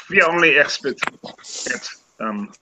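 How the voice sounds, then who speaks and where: A man's voice: on the high side, background noise. A man voicing a polite, modest male linguist in an improvised tabletop role-play, with an attempted French accent, hesitant and full of fillers. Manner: hesitant, many fillers, slips into other accents.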